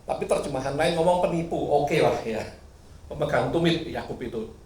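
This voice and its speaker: A male pastor preaching a sermon, moving from loud bursts to quiet asides. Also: on the high side, moderate pace. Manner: lively, swings from loud bursts to quiet asides, sings briefly. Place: church hall. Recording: echoey hall, mic at a distance.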